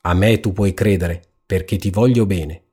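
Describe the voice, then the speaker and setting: A man's voice: low-pitched, steady tone, moderate pace, mellow, husky. A man reading a storybook aloud, voicing a fussy, self-important hen who lectures in an ironic, preachy way. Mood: scolding.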